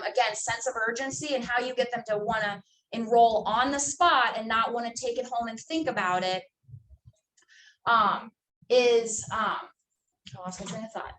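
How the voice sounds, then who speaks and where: A woman's voice: on the high side, bright, forceful tone. A woman in her twenties coaching new sales agents, talking emphatically with lots of fillers. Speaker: sales trainer. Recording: echoey room from far off, faint ambience.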